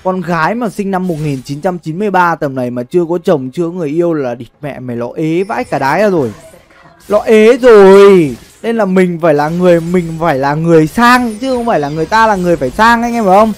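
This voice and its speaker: Streaming indoors with soft music in the background, a young man talks fast with few pauses in a voice that sits high. His relaxed livestream chat about the game is sweary and slangy, with phrases he returns to over and over.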